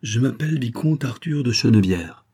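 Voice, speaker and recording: Man doing a smooth young viscount, cool and sure of himself, bit teasing, slightly raised from his dark husky voice. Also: medium pitch, normal speed, voice pushed up. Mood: assured. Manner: calm, assured, teasing. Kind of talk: audiobook character reading.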